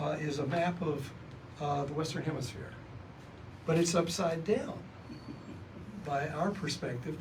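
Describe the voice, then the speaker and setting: A man hosting an event, introducing a guest speaker in a loose, halting way with many fillers. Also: fairly high pitch. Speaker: event host. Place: library meeting room. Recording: distant mic with noisy room.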